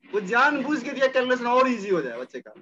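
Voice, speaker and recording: A man's voice: very high voice, very animated, fast talker, crowd noise. A man teaching a casual chemistry class, talking students through problems and repeating numbers as he works. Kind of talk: informal chemistry lecture. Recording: dull lo-fi audio.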